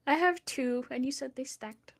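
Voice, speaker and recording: Higher-pitched woman playing tabletop games. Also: normal speed, creaky. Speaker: player in a tabletop game. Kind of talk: casual chat and in-game storytelling.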